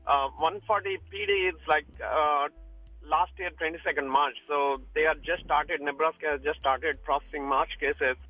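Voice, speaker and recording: A man phones in from his car on speakerphone, driving through the rain, his voice sitting a little high and sounding muffled and lo-fi down the line. He talks haltingly, restarting phrases as he works through his questions, and faint music plays behind him. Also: fairly even intonation, no echo. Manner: hesitant, halting, many restarts. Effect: calling from a moving car on speakerphone. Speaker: caller to a radio advice show.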